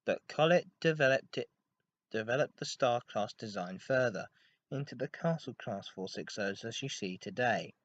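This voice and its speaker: A man hosting a hobby podcast tells history in an informal yet scripted style. His medium-pitched voice is animated and moves at a normal speed, captured in a dull, lo-fi home recording.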